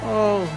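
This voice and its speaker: A man voicing a vain, cackling skeletal evil overlord in an advert, boastful and mocking. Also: sits high. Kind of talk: animated villain ad. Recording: music bed under the voice.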